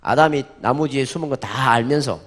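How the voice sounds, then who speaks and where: A man from the Gyeongsang region with a Gyeongsang accent, lecturing a church congregation in an animated way and acting out bits of dialogue. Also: mid-range voice, brisk. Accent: Gyeongsang Korean. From Gyeongsang region, Korea. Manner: animated, acts out dialogue in varied voices, leads call-and-repeat. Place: church in Busan.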